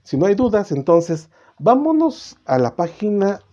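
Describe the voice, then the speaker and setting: A man teaching English grammar in a bilingual class, often checking in with "ok?" and slowing down to model English words. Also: high-pitched, very animated, dark tone. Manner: switches between Spanish and English, checks in with "¿ok?". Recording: slightly dull recording with faint noise.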